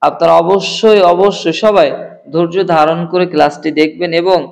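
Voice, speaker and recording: Man teaching slow Arabic spelling. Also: on the high side, vocal fry, muffled recording. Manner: spells out Arabic letters and vowel marks slowly, then reads each word; repeatedly asks viewers to comment. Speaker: Quran reading teacher. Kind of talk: online Quran reading lesson.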